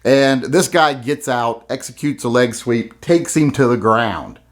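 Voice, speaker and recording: A man's voice: medium pitch, unhurried. A man commenting on a video in a blunt, profane and mocking way. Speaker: gun channel host.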